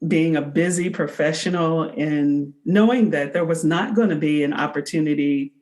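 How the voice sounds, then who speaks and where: A podcast guest who founded a company, this woman in her forties has a deep, darkish voice and keeps a moderate pace. She answers the interviewer's questions in an earnest, conversational way.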